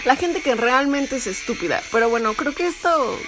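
A young Mexican woman delivers a heated, foul-mouthed vlog rant, her voice sitting somewhat high. Sarcasm and swearing run all through it. Music plays clearly behind her. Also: animated, moderate pace. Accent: Mexican Spanish. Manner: profane, heated, sarcastic ranting. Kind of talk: ranting vlog monologue.

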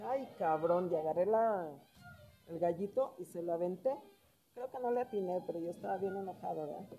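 A woman's voice: on the low side, rough recording. A middle-aged woman, a former miner telling a story in casual talk and acting out the voices of the people in it. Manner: animated, acts out quoted voices. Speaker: podcast guest, former miner.

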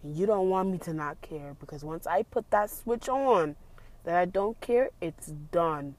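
Animated young woman venting casually. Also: lowish voice, measured pace. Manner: animated, emphatic, repeats herself when venting. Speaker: vlogger. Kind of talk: casual storytime vent. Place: parked car.

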